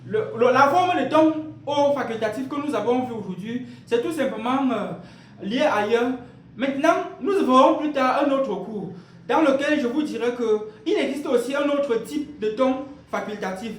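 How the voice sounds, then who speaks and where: A man with a strikingly high voice leads an online language lesson. He explains slowly and patiently, repeats his points and poses rhetorical questions that he then answers himself. The recording has a noticeably roomy echo. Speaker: language teacher.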